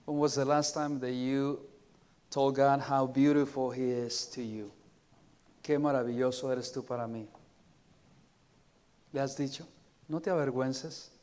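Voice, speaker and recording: A man preaching a sermon as pastor, moving between emphatic exhortation and soft, prayerful words. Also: medium pitch, steady tone, takes it slowly, pauses often, clean tone. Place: church sanctuary. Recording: long reverb of a church hall.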